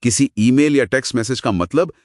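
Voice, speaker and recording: A man co-hosting an explanatory podcast, telling stories and asking lively questions. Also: medium pitch, brisk, no room sound, clean studio sound. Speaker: podcast co-host.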